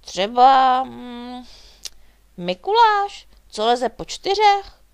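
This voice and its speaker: A woman doing a high, eager little boy dragon. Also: sing-song, clear, resonant tone, no echo. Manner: curious, eager. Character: small cheerful male dragon.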